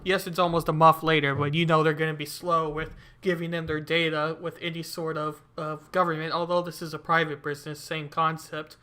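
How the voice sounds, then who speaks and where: Male stream host, casual rambling commentary, a bit high and bright. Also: flat delivery, a little fast, hardly any pauses. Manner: rambling, loose, many fillers. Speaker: show host.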